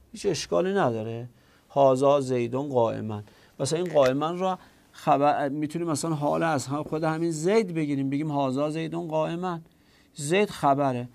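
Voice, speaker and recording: A man's voice: on the high side, creaky, a little mellow. A man teaching a grammar class, explaining step by step, asking himself questions and answering them, and speaking directly to his students.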